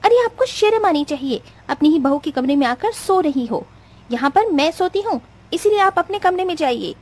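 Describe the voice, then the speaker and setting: A woman's voice: very high-pitched, lively intonation, moderate pace, a little mellow, voice pushed up. A woman voicing a spoiled, selfish rich young bride in a cartoon story, talking in a demanding, scolding way. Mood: furious.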